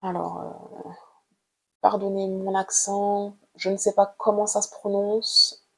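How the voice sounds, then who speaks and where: A woman art vlogger walks through her drawing materials in a casual show-and-tell. She speaks at an unhurried, slow pace, gentle and soft-spoken. She pauses often and fills the gaps with hesitant fillers. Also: medium pitch, level tone, gravelly, husky. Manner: hesitant, with frequent "euh" fillers.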